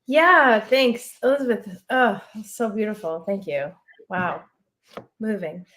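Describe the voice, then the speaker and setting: Over a video call, a woman author reads her own literary prose aloud in a mid-range voice. She speaks softly and without hurry, dropping in casual asides.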